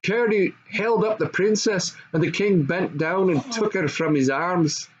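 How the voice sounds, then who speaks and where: An older man with a high-sitting voice reads a classic fairy story aloud at a measured pace, like a storybook narrator. The home recording sounds dull and carries faint noise.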